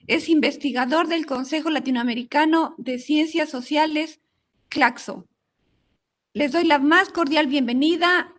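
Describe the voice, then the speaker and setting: A woman's voice: sits high, unhurried, a bit bright. A woman moderating an academic session, reading out a formal scripted introduction. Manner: formal, reading biographies aloud.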